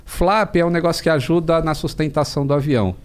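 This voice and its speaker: A Brazilian man as a podcast guest, telling stories in a casual, animated way, with plenty of slang and swearing. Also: a little high, fast, clean tone. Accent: Brazilian Portuguese. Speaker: podcast guest, aviation creator. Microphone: studio podcast mic.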